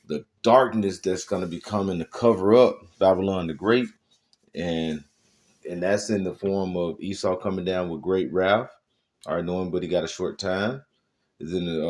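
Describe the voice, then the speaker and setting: A man's voice: low voice, a little mellow. A man preaching a sermon, reading scripture and stressing points with frequent "all right" and many filler sounds.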